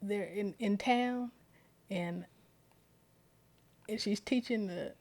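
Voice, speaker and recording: A woman's voice: mid-range voice, slow, a little mellow. A woman co-hosting a podcast, reacting and chatting casually. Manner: reactive, frequent backchannels. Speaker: podcast co-host. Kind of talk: casual chat.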